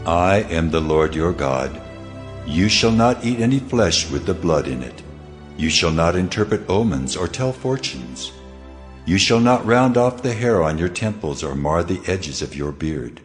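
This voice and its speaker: In a dramatized reading of scripture, a male voice portrays the booming Lord God as stern and solemn. The slow, weighty proclamations carry lively intonation and a solemn mood. The recording has long hall reverb over music.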